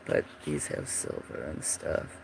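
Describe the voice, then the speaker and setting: Very deep and froggy, with a gravelly texture, this man's voice swings hugely in pitch as he slowly chats through his drawings on a livestream. He meanders and trails off while searching for pieces, with noise audible behind him.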